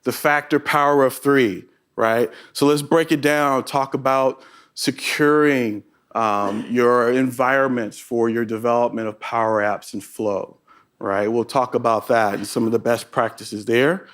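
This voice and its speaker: Presenting at a tech conference, a middle-aged man with a Texas accent keeps his live audience engaged, often tagging points with a quick "right?". His mid-range voice is steady in tone and a bit bright.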